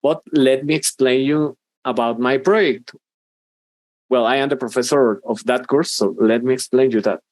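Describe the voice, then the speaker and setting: A man's voice: mid-range voice, fairly even intonation, moderate pace, no echo. A man in his thirties from Guatemala with a Guatemalan Spanish accent, giving an informal, hesitant conference talk on a headset from a small room. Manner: informal, hesitant, many fillers and restarts. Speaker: university professor and conference speaker. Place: small room indoors, video call.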